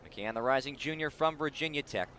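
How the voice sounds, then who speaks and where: There's slight background noise as a man with a medium-pitched, sharp voice talks a little fast through live baseball play-by-play. He's on sports radio from an outdoor ballpark, his clipped calls rising with the action.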